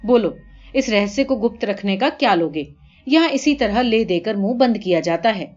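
A woman's voice: mid-range voice, lively intonation, background noise, close to an everyday voice. Woman reads anxious male king in a storybook, evasive and wheedling; dull lo-fi sound. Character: anxious ruler Krishna, male, pleading then bargaining.

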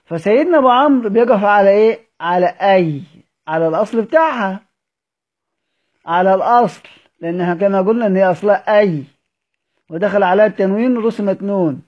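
A man with an Egyptian accent teaching a study circle, quizzing his students and answering his own questions. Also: high voice. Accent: Egyptian Arabic. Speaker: Quran recitation teacher. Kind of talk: recorded study-circle lesson. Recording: dull lo-fi audio recording.

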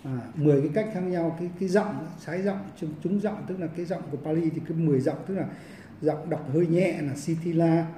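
A Buddhist monk teaches monastic discipline, stumbling through repeated fillers as he goes. His man's voice sits a bit high yet sounds very mellow and dark. The room is echoey and the mic is set some distance away. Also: slight background noise. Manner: halting, with many repeated fillers and restarts. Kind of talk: Dharma lecture. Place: monastery hall. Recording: roomy echo, mic at a distance.

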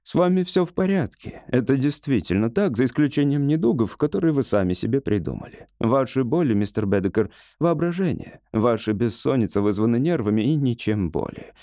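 A man voicing a patient middle-aged doctor in an audiobook, speaking in a measured, reassuring way. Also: medium pitch, expressive, mellow, no room sound, clean studio sound, lightly acted. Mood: calm. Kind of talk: audiobook character voice.

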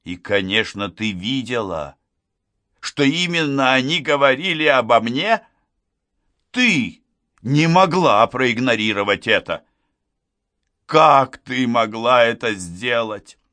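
A man reading an audiobook, voicing a furious, betrayed young woman who accuses and shouts at her friend. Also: medium pitch, expressive, slow, long pauses, no room sound. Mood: accusing.

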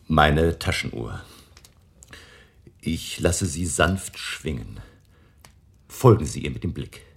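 An actor playing an elderly, kindly and grave professor in a radio drama, speaking in a gravelly, deliberate, solemn, paternal way. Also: male voice, rumbling low, animated, heavily acted. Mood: hushed, hypnotic. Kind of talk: German radio drama acting.

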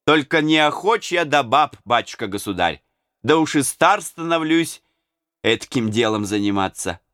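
A man's voice: medium pitch, animated, normal speed, a bit bright, smooth, dry recording, clean studio sound, pitched above the performer's own voice, natural voice. Man doing a humble folksy old servant. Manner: folksy, deferential. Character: humble old male servant, plain-spoken. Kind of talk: audiobook character voice.

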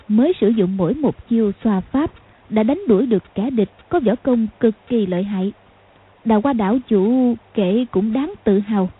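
A woman with a slightly high, somewhat husky voice narrates an audiobook in a steady storytelling delivery. The recording is thin and phone-like. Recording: tinny phone-like sound.

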